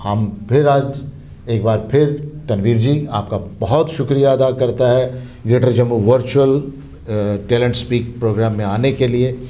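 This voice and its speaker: Male host, polite and formal, mellow dark-ish voice, lots of "ji ji". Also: mid-range voice, measured pace. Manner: courteous, polite formal phrases, brief agreements. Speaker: interview host. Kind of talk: interview conversation.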